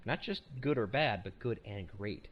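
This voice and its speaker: A man's voice: on the low side, animated, normal speed, highs cut off. A man hosting a casual podcast, rambling and self-correcting with a joking tone. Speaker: podcast host.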